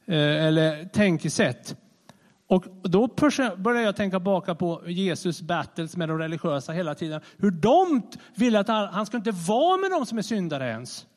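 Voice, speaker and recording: A man preaching a sermon in a conversational, animated way, often restarting his sentences. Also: high-pitched. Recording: long reverb of a large hall.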